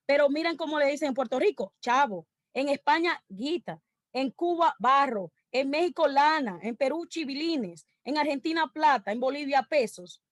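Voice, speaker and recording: A woman's voice: high voice, lively intonation, normal speed, no room sound. Dominican woman giving an academic talk. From Dominican Republic. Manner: explanatory, lecturing through lists of examples. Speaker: conference presenter.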